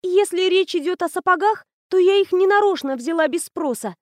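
A woman voicing a sly teenage girl who feigns sweet innocence, speaking in a high, wheedling, falsely timid way. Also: normal speed, no echo, studio quality.

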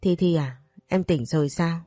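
A woman reading the lines of a caring young husband who speaks calmly and reassuringly. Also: on the low side, normal speed, no echo, natural voice. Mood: soothing.

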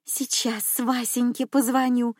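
A woman's voice: fairly high pitch, level tone, unhurried, darkish tone, no room sound, studio quality, voice pushed up. A woman voicing an eager young granddaughter who talks in a breathless, gushing way. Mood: excited.

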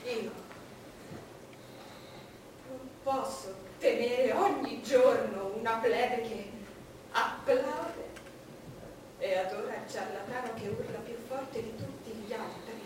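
An actress playing an imperious, bitter, mocking English queen in a theatrical monologue, declaiming with drawn-out scorn. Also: fairly high pitch, background noise. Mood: scornful, proud. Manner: declamatory, drawn-out, scornful, swinging from brooding to cackling. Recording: echoey, distant stage recording with music.

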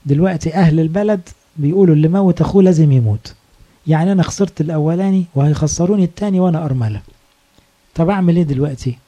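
A shrewd, pleading village widow with an Egyptian accent, as a man retells her words in a sermon. The voice is dark and husky and moves quickly, persuasive in manner. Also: a little high, close to an everyday voice. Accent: Egyptian Arabic.

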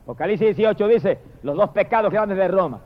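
A man with a Puerto Rican accent preaching a fiery sermon, shouting long hallelujahs and then dropping to murmured prayers. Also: sits high, lively intonation, brisk. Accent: Puerto Rican Spanish. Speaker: evangelist preacher. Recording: dull lo-fi sermon recording.

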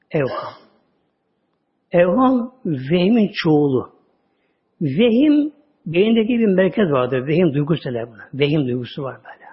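A man giving a religious talk, telling stories with drawn-out words and sudden drops to a low voice. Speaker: religious teacher. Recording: dull lo-fi audio recording.

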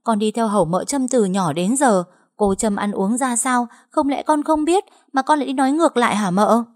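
A woman's voice: fairly high pitch, moderate pace, a little mellow, voice pushed up, close to an everyday voice. A woman voicing a sly young female servant who needles her mistress in a pert tone. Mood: needling.

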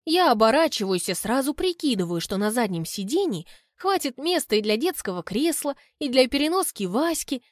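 A young woman narrating a novel in the first person with an expressive, lively delivery. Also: sits high, moderate pace, few pauses, no echo, studio quality. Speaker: audiobook narrator.

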